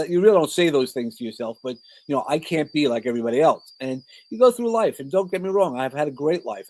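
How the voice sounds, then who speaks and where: His voice is a little high with a darkish tone, and the recording is rough. A middle-aged New Yorker from Brooklyn who works as a coach and speaker, he shares personal stories informally as a podcast guest, often stopping mid-thought to rephrase.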